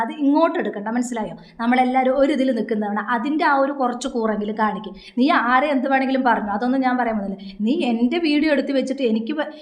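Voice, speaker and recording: A woman vlogger giving a direct-to-camera rebuttal into a phone, scolding a rival and firing off rhetorical questions. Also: high voice. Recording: echoey room.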